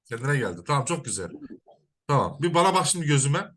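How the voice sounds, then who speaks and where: A man's voice: fairly high pitch, big pitch swings, quick pace, a bit bright, slight background noise. A man working as a spiritual counselor, commanding and repetitive, sometimes chanting prayer words over and over.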